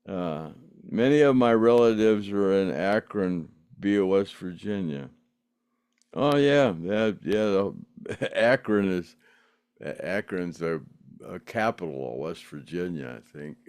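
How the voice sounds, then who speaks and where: An older podcast host with a low, darkish voice reads viewer comments in loose, casual conversation, rambling with lots of laughs, fillers, and false starts. It's studio-quality audio without any echo.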